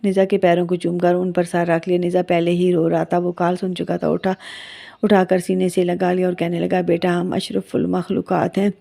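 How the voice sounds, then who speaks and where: A woman narrating a story in a steady, unhurried reading voice. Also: on the low side, creaky.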